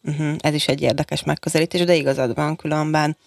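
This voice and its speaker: A woman's voice: low voice, little pitch movement, creaky, no echo. A woman hosting a radio talk show from a studio microphone, encouraging her young guests and summing up their answers before asking more. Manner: encouraging, sums up answers and asks follow-up questions. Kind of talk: radio interview with school pupils.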